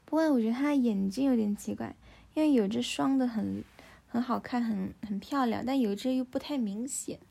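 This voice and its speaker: A woman's voice: fairly high pitch, fairly quick, vocal fry, mellow. A woman, telling family stories in a casual chat and often asking the listener if they follow. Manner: chatty, often asks the listener "you know?".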